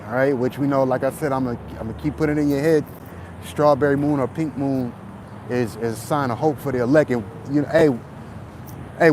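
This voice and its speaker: Guy walking and preaching casually outside, slightly high voice, repeats himself, lots of truck and car noise. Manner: halting, repeating phrases as he goes; talking while walking. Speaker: religious vlogger. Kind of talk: casual walk-and-talk preaching monologue. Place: outdoors on a street with passing trucks. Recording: noisy outdoor street, passing traffic. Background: traffic and vehicle noise.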